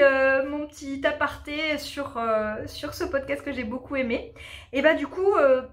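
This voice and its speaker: A woman's voice: sits high, fairly bright tone. A woman hosting a knitting podcast, who also teaches English, chatting casually with lots of fillers and restarts. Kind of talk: casual chat.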